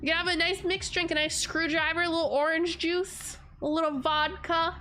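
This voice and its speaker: Soft music plays behind a young woman streamer whose very high-pitched voice is bright, forceful and steady, at a moderate pace. She chats casually and reads comments while stuffy from allergies, giggling and rambling with lots of "like"s.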